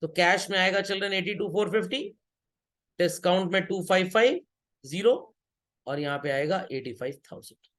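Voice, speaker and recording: Working through problems in his accountancy lecture, a man with a high, slightly bright voice at normal speed teases and jokes with his students. He moves back and forth between Hindi and English.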